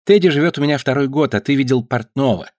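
A man reading aloud, voicing a gentle, kindly circus clown. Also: medium pitch, quick pace, no room sound, studio quality, pitched above the performer's own voice, close to an everyday voice. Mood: fond. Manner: gentle, storytelling.

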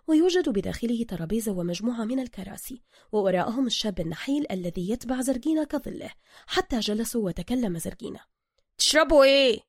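A woman narrating a scripted story in a brisk, lively reading. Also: medium pitch, slightly rough, dry recording, studio quality.

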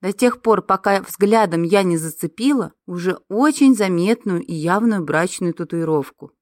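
A woman narrating a novel in the first person, expressive and lively in the heroine's lines. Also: fairly low pitch, moderate pace, dry recording, clean studio sound. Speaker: audiobook narrator.

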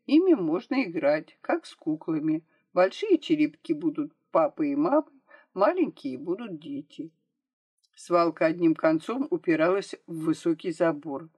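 A woman narrating an audiobook with a measured, expressive reading. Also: lowish voice, husky.

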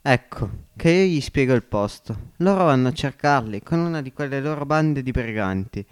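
An excitable poor workman, voiced by a man for a homemade storybook reading. He swings up and down in pitch with lively eagerness, with a smooth, clean tone. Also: normal speed, close to an everyday voice. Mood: eager. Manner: eager, blustering, conspiratorial. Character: poor, scheming male laborer, excitable. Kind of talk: amateur audiobook reading.

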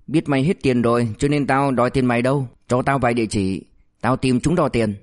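A man's voice: mid-range voice, brisk, close to an everyday voice. A man voicing a cynical male cop who threatens and mocks a suspect. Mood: scheming. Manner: mocking, threatening, crude. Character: cynical, bullying male cop, sly and menacing.

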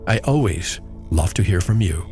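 A lower-pitched man with an expressive, darkish tone hosts a radio interview show in a measured, earnest way. He shifts from a scripted introduction to inviting questions for his guest, with faint music playing behind him.

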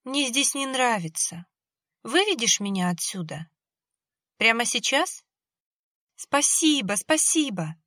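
A woman voicing a little girl who talks softly and haltingly as if in a dream. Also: fairly high pitch, big pitch swings, no echo, clean studio sound, voice pushed up, full character voice. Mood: dreamy, faint.

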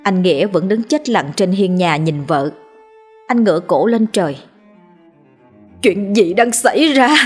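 A woman narrating a ghost story in a measured, somber storytelling voice. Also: on the low side, a little mellow, breathy edge. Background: faint music.

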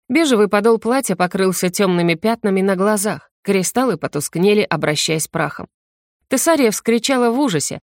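A woman narrating a first-person audiobook in a steady, even way. Her voice sits at a middle pitch. It is recorded close and dry, with no room around it. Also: no echo.

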